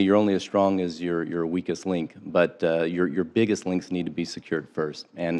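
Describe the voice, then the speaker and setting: A man giving formal testimony as an expert witness in a hearing room, explaining in a measured way and often repeating his first words before an answer. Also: low voice, darkish tone.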